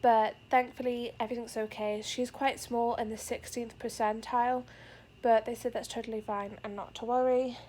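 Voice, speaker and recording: With a fairly high, somewhat mellow voice and little pitch movement, a young pregnant vlogger talks at a normal speed into her camera. Her earnest update rambles with many fillers, and she's slightly breathless. Slight background noise can be heard.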